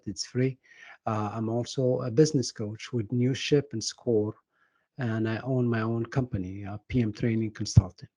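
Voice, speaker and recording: A middle-aged man from Morocco with a Moroccan accent, giving a webinar talk as a project management coach in an earnest, halting way full of fillers and restarts. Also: mid-range voice, warm tone, husky, no room sound. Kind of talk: webinar presentation.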